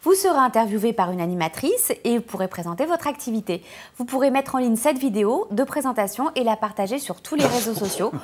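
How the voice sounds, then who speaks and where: A woman's voice: fairly high pitch, expressive, a little fast. A woman presenting a segment of local business adverts on a talk show. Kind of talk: reading ad announcements.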